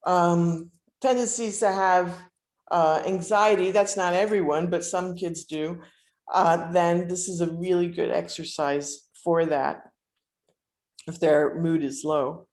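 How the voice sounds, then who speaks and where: A woman with a slightly low voice teaches a relaxation exercise in an informal way. Her delivery is very slow and halting, broken by frequent pauses. The recording has a noticeably roomy echo. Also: a little mellow. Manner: halting, hesitant, with frequent pauses and throat clearing. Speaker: instructor leading a breathing exercise. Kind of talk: guided relaxation lesson, informal explanation. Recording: roomy, echoing sound.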